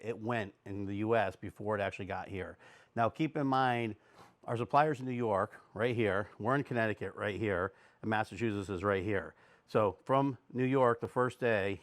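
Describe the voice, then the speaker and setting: A man, a little hoarse from illness, rambling casually about his custom motorcycle seat work. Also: lowish voice. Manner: rambling, conversational, lots of fillers. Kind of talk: casual workshop vlog talk.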